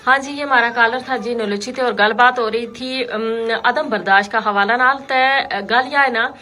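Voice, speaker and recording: A woman's voice: fairly high pitch, normal speed, over music. A woman hosting a radio call-in show, talking to listeners in an unscripted, explanatory, conversational way. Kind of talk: unscripted talk radio commentary.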